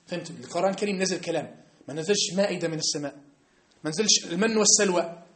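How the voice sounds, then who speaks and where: A man's voice: sits high, very fast, a bit bright. A man with a North African Arabic accent teaching a religious class. He is emphatic and keeps asking his listeners whether they have understood. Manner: emphatic, keeps checking understanding with rhetorical questions. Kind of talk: classroom lesson. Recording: echoey room.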